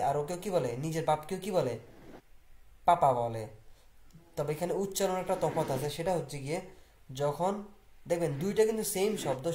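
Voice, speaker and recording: A language teacher who asks the class questions, answers them, and slowly repeats words to drill them. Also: mid-range voice, mellow. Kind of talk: classroom vocabulary lesson. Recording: echoey room with faint noise.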